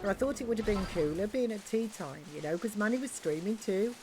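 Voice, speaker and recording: A woman's voice: medium pitch, animated, fairly quick, a crowd in the background. A woman streamer chatting casually and rambling through stories while playing a game. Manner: chatty, rambling storyteller with regional slang.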